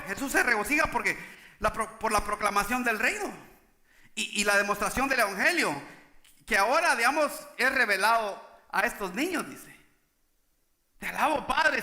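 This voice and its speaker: A male pastor delivers an emphatic sermon and keeps turning to the congregation for agreement. His voice sits very high and sounds sharp and bright. The sound echoes around a roomy church. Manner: emphatic preaching with repeated "¿sí?" to the congregation.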